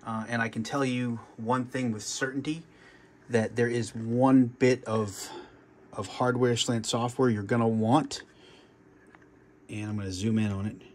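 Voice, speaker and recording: A man's voice: mid-range voice, steady tone, measured pace, a little mellow. A man casually walking through his home flight sim cockpit, rambling and restarting his sentences. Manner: rambling, with many fillers and restarts. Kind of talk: casual show-and-tell walkthrough.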